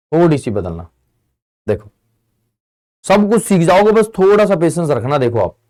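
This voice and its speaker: Young male tutor, fairly high voice, friendly and chatty, stretches out key rules slowly. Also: a little mellow. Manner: chatty, calls students friend and brother, acts out their replies; slows down and drags out key definitions. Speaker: Hindi teacher. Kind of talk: online exam-prep lesson.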